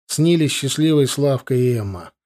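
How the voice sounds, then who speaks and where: A young man calmly narrating a first-person audiobook in a conversational storytelling manner. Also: mid-range voice, normal speed.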